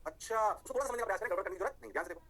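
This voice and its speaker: Rapid, bright-voiced male physics teacher. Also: sits high. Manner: rapid, playful, keeps asking if it is clear. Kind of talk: classroom lecture.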